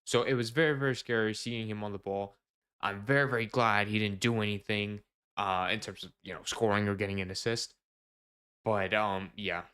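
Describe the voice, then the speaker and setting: Young male podcast host, lowish voice, eager and rambling, full of ums and restarts. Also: steady tone, moderate pace, sharp tone, clear, resonant tone. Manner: rambling with many fillers and restarts; enthusiastic fan talk. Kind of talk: casual post-match soccer commentary.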